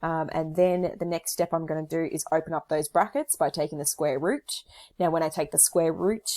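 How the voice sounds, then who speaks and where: A woman with a low voice teaches a maths lesson, talking through each step of her working. Her tone is casual and a little hoarse. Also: warm tone. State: slightly hoarse. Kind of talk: recorded whiteboard lesson.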